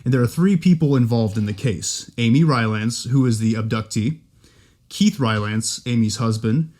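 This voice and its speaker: A man's voice: medium pitch, normal speed, a little mellow. A young man from California co-hosts a podcast, chatting casually. He jokes a lot, rambles, and pokes fun at himself. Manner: joking, rambling, self-deprecating. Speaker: podcast co-host. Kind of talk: casual chat.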